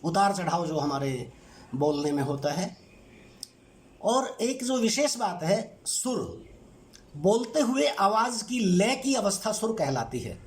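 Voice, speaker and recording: Slow, high-voiced male Hindi teacher. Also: big pitch swings, a little hiss or hum. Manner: measured, deliberate, short phrases with pauses. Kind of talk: explanatory lecture.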